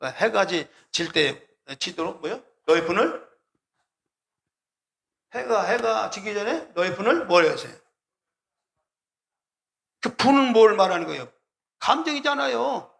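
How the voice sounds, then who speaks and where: A man's voice: high-pitched, lively intonation, measured pace, creaky, long pauses, a bit bright. A male pastor preaching a sermon, emphatic and repetitive, often asking the congregation questions and calling out hallelujah. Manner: calls out hallelujah and addresses the listeners directly.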